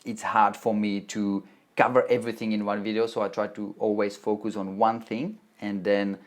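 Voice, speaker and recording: Speaking from a home office in Melbourne, a man from the Czech Republic answers viewers' questions about web development tutorials on a live stream. His voice is lowish and level at a normal speed, with a Czech accent. He's chatty, reads the chat out loud, and restarts his sentences a lot.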